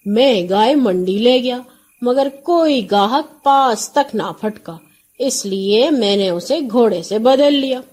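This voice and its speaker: A woman's voice: fairly high pitch, animated, a little mellow. A woman voicing an easygoing male peasant who keeps trying to finish his tale. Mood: pleading.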